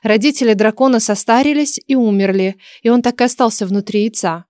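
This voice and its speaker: A woman reading a fantasy audiobook as narrator, in an even storytelling manner. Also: a little high, brisk, no room sound, studio quality. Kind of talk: scripted narration.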